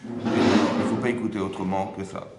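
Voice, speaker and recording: A man's voice: lowish voice, flat delivery, a little fast, very noisy. A man teaching a religious class to a small group, asking questions, checking in with his listeners and often repeating words as he searches for phrasing. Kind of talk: interactive religious lesson. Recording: roomy room, faint background ambience.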